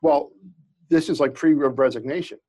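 With a fairly high, slightly mellow voice and a moderate pace, a male employment lawyer guests on an interview and walks through cases casually. He stutters slightly and often restarts or fills pauses.

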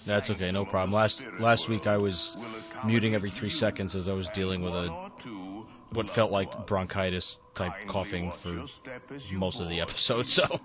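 A man's voice: low voice, steady tone, normal speed. A man hosting a podcast in casual chat, giving short encouraging replies and laughing easily. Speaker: podcast host. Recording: dull lo-fi audio with crowd noise.

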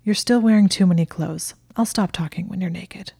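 Woman doing a smirking show-off young wizard guy, low flat voice with gravelly fry, dry sound. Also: normal speed, no room sound. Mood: teasing. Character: smug, wordy young wizard, teasing.

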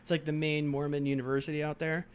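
A man's voice: on the high side, level tone, fast, a little hiss or hum. A young man co-hosting a casual podcast, rambling with lots of fillers. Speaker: podcast co-host. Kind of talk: casual chat.

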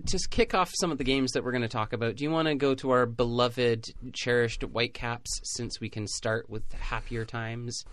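A man's voice: medium pitch, fairly even intonation, moderate pace, hardly any pauses, fairly bright tone, no room sound. Man, podcast co-host, sarcastic, laughs while talking, dry close recording, casual sports chat. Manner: sarcastic, laughs through his jokes.

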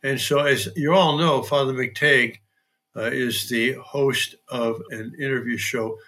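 An older man, a priest, hosting a podcast interview, with dry humor and frequent throat clearing. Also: medium pitch, bright, forceful tone. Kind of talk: conversational interview.

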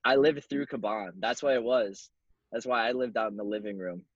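Jokey guy with a husky voice. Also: fairly low pitch, a little fast, no room sound. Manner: jokey, laughs a lot, slangy. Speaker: guest, former soccer player. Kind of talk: casual podcast chat. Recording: dull lo-fi recording.

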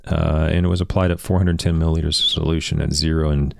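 A man's voice: extremely low pitch, little pitch movement, fast, vocal fry, noisy background. A man from Oklahoma hosting a casual podcast interview, reading study details aloud with frequent restarts. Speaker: podcast host. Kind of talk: casual interview about turf research.

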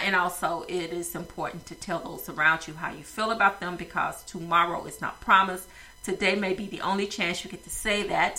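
Bright-voiced woman with a stuffy nose. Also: lowish voice, rough recording. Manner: rambling with many fillers. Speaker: podcast host. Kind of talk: casual podcast talk.

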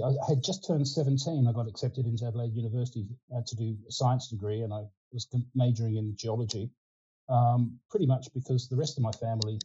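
The lo-fi clip features a husky, medium-pitched man in his sixties, an Australian-accented winemaking consultant whose first language is Ukrainian. As a guest in a casual interview chat, he's relaxed and rambling, with many fillers and restarts.

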